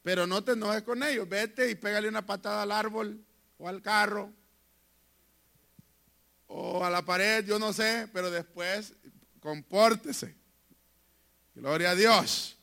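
A male pastor preaching a fervent sermon from a church pulpit, moving between hushed asides and shouted lines. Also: high-pitched, measured pace, vocal fry, pauses often.

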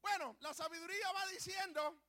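A man preaching a sermon with passion, shouting at times and then dropping to soft pleading, with short English phrases mixed in. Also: extremely high pitch, fairly even intonation, moderate pace. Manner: impassioned, swings between shouting and soft pleading.

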